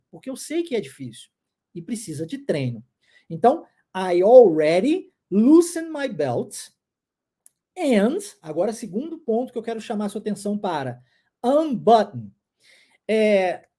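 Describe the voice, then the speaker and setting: Lively mineira woman teaching English. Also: a little high. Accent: Brazilian Portuguese, mineiro (Minas Gerais). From Minas Gerais, Brazil. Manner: chatty and playful, drills words slowly. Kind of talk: casual online English lesson.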